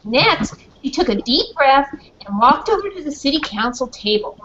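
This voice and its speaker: In a school play, a woman plays a proud, earnest pit bull who narrates his own story. Her voice is high-pitched and sing-song at a normal speed, and the recording of the performance is muffled and noisy.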